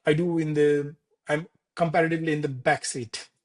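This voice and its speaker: Here an interview guest, a Nepali architect in his thirties based in Denmark, answers in a loose, stop-start way packed with fillers and restarts. He has a Nepali accent, a slightly high voice, and a steady tone.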